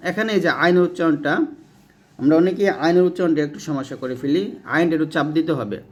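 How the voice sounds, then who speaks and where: A man teaching Quran reading step by step, spelling out letters and vowel marks, then chanting the verses in long drawn-out tones. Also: a little high, highs cut off. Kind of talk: step-by-step recitation lesson.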